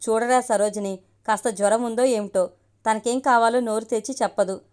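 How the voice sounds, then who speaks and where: Give me a woman voicing a caring old mother who scolds gently. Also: a little high, fairly even intonation, brisk, smooth, close to an everyday voice. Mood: scolding.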